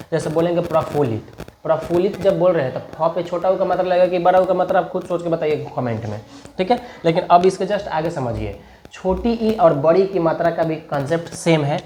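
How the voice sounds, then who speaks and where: A man's voice: on the high side, a little mellow, a little hiss or hum. Man teaching, chatty. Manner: chatty, keeps asking learners if they understand; repeats example words slowly to demonstrate sounds. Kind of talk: spoken Hindi writing lesson.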